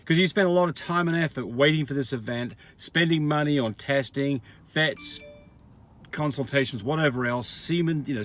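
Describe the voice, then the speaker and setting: A man's voice: medium pitch, fairly bright tone. Frank, rambling man answering questions. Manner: frank, rambling explanations with restarts and fillers. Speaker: dog breeder answering viewer questions. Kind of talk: casual advice Q&A.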